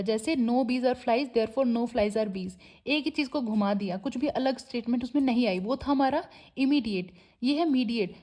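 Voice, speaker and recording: A woman teaching an exam-prep lecture, often adding a checking tag and reading English definitions slowly with an Indian English accent. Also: a little high, warm tone.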